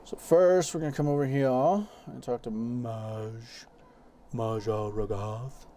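This gaming streamer has a medium-pitched, dark voice and a steady, unhurried delivery. He rambles and swears freely while sorting through his gear, narrating his play, and he has the hiccups throughout.

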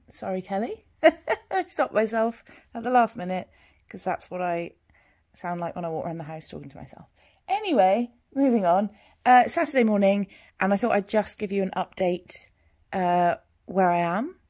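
A woman's voice: medium pitch, expressive, normal speed, a little mellow, no room sound, studio quality. Chatty woman murmuring over her stitching. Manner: chatty, rambling, drops to murmurs while counting stitches. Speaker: cross-stitch vlogger. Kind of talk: casual progress update. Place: home, at her stitching frame.

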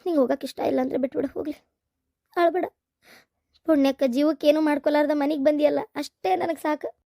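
A worried older mother in a cartoon, as a woman puts her on, lamenting and soothing in a North Karnataka Kannada accent. The voice is still fairly high, though lower than the young wife. The sound is dry. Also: fairly even intonation, fairly quick, creaky, warm tone, no room sound.

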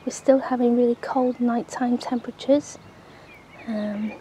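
Off screen behind a handheld camera, an allotment vlogger wanders her sunny allotment garden, chatting in a casual, rambling way full of ums. Her voice leans high and sounds warm and steady, her pace is unhurried, and there's a little background noise.

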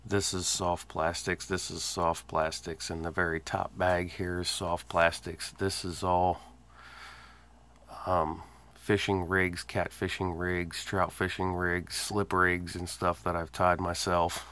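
In a deep, bright, forceful voice with a flat delivery, a man slowly narrates a casual walkthrough of his cluttered indoor home fishing workshop. He holds the phone camera himself and lists things in a plain, matter-of-fact way, with hesitant fillers.

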